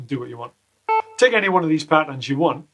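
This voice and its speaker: A man teaching guitar exercises in a casual lesson from a small home studio, full of deadpan jokes between the explanations. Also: on the high side, fast. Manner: jokey, deadpan asides. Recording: loud guitar playing behind the voice.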